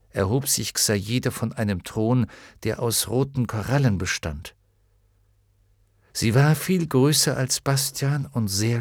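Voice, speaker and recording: A man's voice: on the low side, dry recording. A man narrating a fantasy audiobook in a studio, telling the story expressively. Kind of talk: scripted narration.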